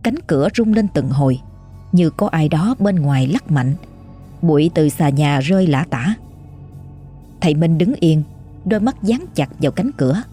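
Telling a ghost story, this woman speaks in a husky, dark, low voice, building suspense at a measured pace while her intonation stays lively. Soft music can be heard under her words.

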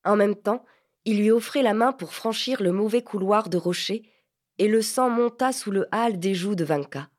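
A woman narrating a literary novel as an audiobook, measured and clear. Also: mid-range voice, darkish tone. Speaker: audiobook reader.

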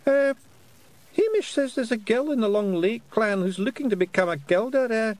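Tiny male fairy warrior, Scottish accent, squeaky high voice, odd pinched timbre, nervous stammer, storybook. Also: animated, normal speed, a little mellow. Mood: bashful. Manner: stammering, eager, bashful. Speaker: audiobook reader. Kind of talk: audiobook character voice.

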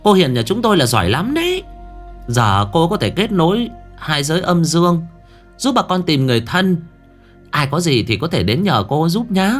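A man doing a loud, bossy village woman. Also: on the high side, very animated, very fast, hardly any pauses, faint music behind, voice pushed up. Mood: boastful. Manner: loud, boastful announcing. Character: brash, bossy middle-aged village woman. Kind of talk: audiobook ghost story reading.

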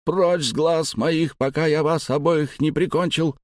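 A man voicing a heartbroken old farmer who screams and wails in a cracking falsetto and sobs. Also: expressive, moderate pace, a little mellow, no echo, clean studio sound, close to an everyday voice. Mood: raging. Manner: wailing, screaming, breaking into falsetto. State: sobbing.

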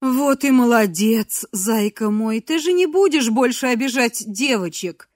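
A woman voicing a soft-cooing captive young woman. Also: on the high side, animated, unhurried, no echo, studio quality. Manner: soft coaxing, cooing tones.

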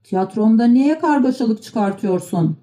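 A big, stern puppet-theatre owner barking in a gruff, scolding way, as a woman narrator plays him. The tone is dark and mellow, with pitch that rises and falls widely. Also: animated, a little slow. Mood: angry.

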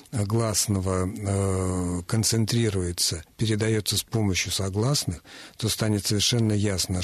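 A man's voice: on the low side, husky, no room sound. A man in a radio studio lecturing on phonetics, with frequent hesitant fillers. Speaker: language expert.

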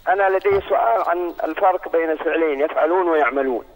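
A man from Saudi Arabia calling in by phone, asking a formal, courteous question and reciting verses in a measured way. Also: a little high. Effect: heard over a phone line. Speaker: phone-in caller.

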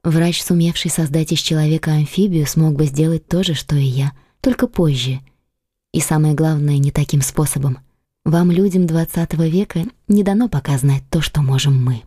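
A woman voicing a calm, self-assured woman from the far future, speaking simply and gently, sometimes nearly in a whisper. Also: deep voice, moderate pace, no room sound, clean studio sound. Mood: calm, gentle. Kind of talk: audiobook dialogue.

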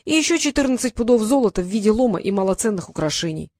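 A woman's voice: mid-range voice, very animated, quick pace, a little mellow, dry recording, clean studio sound. A woman doing a boastful riddling dragon. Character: boastful, pedantic male dragon who loves riddles.

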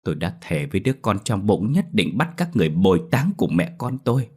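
A man voicing the vengeful female ghost of a young nurse, rasping and tearful, in a spoken horror story. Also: deep voice, big pitch swings, brisk, mellow, full character voice. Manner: rasping, wailing, then tearful.

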